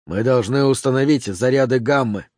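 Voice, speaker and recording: A tough commando leader with stern, unbending orders, as a male narrator acts him out. When he calls out, his voice rises into a high, loud shout. The sound is dry and close. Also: moderate pace, no echo, lightly acted. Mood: steady.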